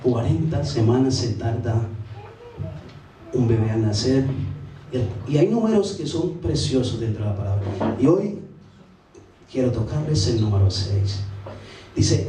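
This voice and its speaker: A man preaching a sermon as pastor, earnest and steady, pausing and restarting phrases as he goes. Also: medium pitch, distant mic, slight background noise. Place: large church sanctuary. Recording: very echoey church recording from afar.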